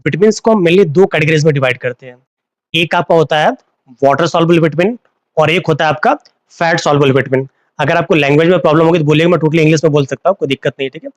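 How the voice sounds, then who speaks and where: Male teacher, live class on a phone, a bit high-pitched, dry close sound, repeats terms as questions. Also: quick pace, no echo. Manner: repeats key terms as questions to students, mixes Hindi and English.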